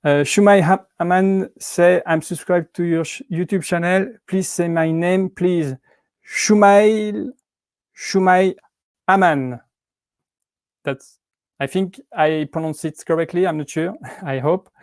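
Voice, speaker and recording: A man in his thirties with a French accent hosts a casual livestream from home. His voice sits a little high for a man. He talks in halting bursts full of restarts and fillers, and the sound is dry and close. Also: fairly even intonation, clean tone, no room sound. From Switzerland. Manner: hesitant, many restarts and fillers, laughs often. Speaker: YouTube prop-making channel host. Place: indoors at home with cats.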